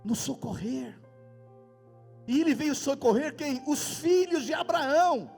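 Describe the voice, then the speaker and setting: A man with a Brazilian Portuguese accent preaches a sermon in a high, emphatic voice that breaks into loud outbursts. His words ring through a church hall with a long reverb. Faint music plays underneath. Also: expressive, measured pace, vocal fry. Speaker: pastor.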